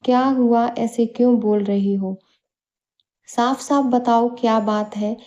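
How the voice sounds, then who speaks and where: A gentle middle-aged mother, as a woman storyteller puts her on, coaxing her daughter with soft questions. The voice is mellow and a little high, and the recording sounds muffled and lo-fi. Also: steady tone, takes it slowly.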